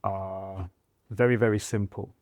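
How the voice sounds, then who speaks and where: A male meditation teacher in conversation. He lays out his points one at a time in a measured way. His voice sits a little low, and the recording is dry with no room sound. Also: steady tone, a little mellow, no room sound. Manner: measured, deliberate explaining. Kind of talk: conversational discussion.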